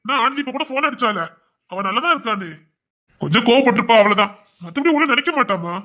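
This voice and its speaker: A dismissive, reassuring son. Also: male voice, very high voice, animated, fast talker, pushed and bright, exaggerated voice. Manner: reassuring, brushing off worries. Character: grown son calming his mother, dismissive.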